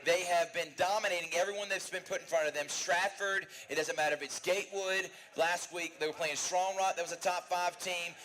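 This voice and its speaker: Fast-talking man hosting sports. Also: high voice, fairly even intonation, bright, forceful tone, rough recording. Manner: fast, enthusiastic rundown of rankings. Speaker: sports show co-host. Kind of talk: live sports talk. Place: bar and grill.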